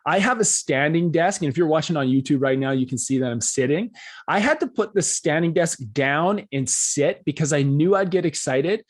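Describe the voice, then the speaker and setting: A man hosting a podcast interview, energetic and enthusiastic, sitting at his desk. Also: fairly high pitch. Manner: energetic, enthusiastic, talks fast when fired up. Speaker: podcast host. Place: seated at a desk, indoors.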